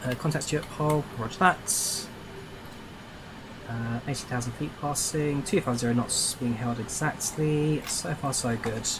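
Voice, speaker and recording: A man's voice: mid-range voice, normal speed, hardly any pauses. Casual male streamer over noisy background. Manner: informal, thinking aloud. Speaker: flight simulator streamer. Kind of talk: casual livestream chat and gameplay commentary. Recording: steady background noise, engine-like ambience.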